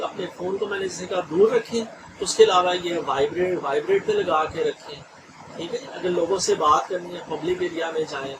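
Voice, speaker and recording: A man giving an online training lecture in a chatty way, often checking in with his listeners and mixing in English phrases. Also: high voice. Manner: chatty, mixes English phrases, frequent "theek hai ji" checks. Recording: distant mic with noisy room ambience.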